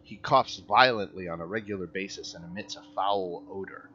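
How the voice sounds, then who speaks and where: A man narrating a tabletop game as game master, halting and pausing often. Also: low-pitched, bright, forceful tone. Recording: slightly muffled, faint room noise.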